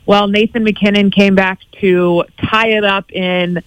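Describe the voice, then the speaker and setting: A young woman serves as the show's sports correspondent in a casual, teasing sports chat, ribbing the host and giving quick game recaps packed with "um"s. Her voice is medium-pitched, steady and clean, with no echo, but the audio is poor.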